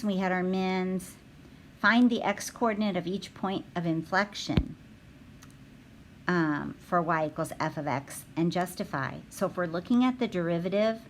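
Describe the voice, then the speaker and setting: A woman teaching a recorded math lesson, talking her students through the steps out loud with frequent ums. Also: fairly low pitch, a little hiss or hum, rough recording. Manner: thinking aloud with frequent ums.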